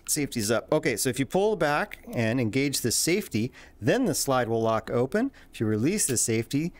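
Casual gameplay host, jokey and exclaiming, highly animated intonation. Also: no room sound. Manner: playful, exclaiming, swearing at slips. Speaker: host of a video game weapon showcase.

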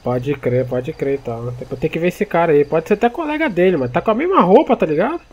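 Slangy Brazilian man, slightly high voice. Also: animated, fast, a crowd in the background. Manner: slangy, laid-back street talk. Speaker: roleplay player, channel host. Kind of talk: casual in-character game roleplay chat.

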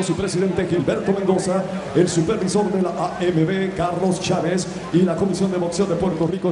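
A middle-aged man working as a bilingual boxing ring announcer in a lucha libre style, with booming showman calls, stretched words and rapid runs into a handheld microphone. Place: boxing ring in an indoor arena. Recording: echoey arena PA with crowd noise.

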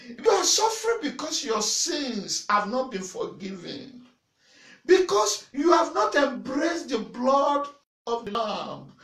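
Extremely high-pitched and sing-song, this middle-aged pastor takes his sermon slowly, speaking to camera in a small indoor church room in front of a banner. He repeats phrases, breaks out in sudden loud shouts and waves his arms, and the room is echoey.

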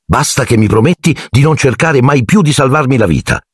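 A man's voice: low-pitched, very animated, fairly quick, husky, dry recording, clean studio sound, full character voice. A man voicing an earnest, brave twelve-year-old boy wizard in an audiobook, eager and often breathless. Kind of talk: audiobook character voice.

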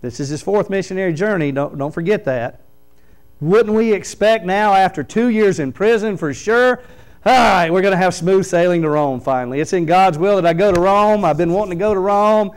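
Middle-aged male pastor, slightly high voice, preaching at a podium mic in a small church, loud peaks and hushed drops. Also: moderate pace, clean tone. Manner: preaching with wide swings from loud emphatic lines to quiet low ones. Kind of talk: sermon. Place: small church hall, indoors. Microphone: podium microphone.

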